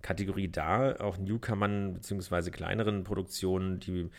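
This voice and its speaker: Casting: male podcast co-host, deep low voice with a creaky edge, calm and hesitant, casual explanatory chat. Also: moderate pace.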